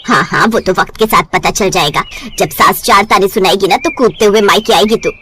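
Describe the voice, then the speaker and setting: A woman's voice: medium pitch, brisk, sharp tone, slight background noise, pitched below the performer's own voice, close to an everyday voice. A woman voicing a blunt, teasing middle-aged mother in a cartoon story. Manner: teasing, dry jokes.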